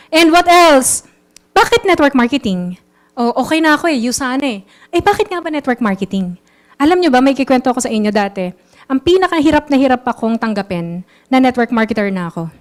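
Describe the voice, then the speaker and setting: A Filipino woman giving a lively motivational seminar talk, mixing in English and constantly asking the audience to agree. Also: high-pitched. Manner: lively, quizzes the audience with frequent tag questions; mixes English phrases into her talk. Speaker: network marketing trainer.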